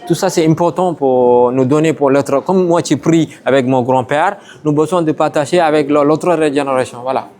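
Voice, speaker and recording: A Sri man speaking in broken, halting French with many hesitations, interviewed as an artist at an exhibition. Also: fairly high pitch, darkish tone. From Sri Lanka.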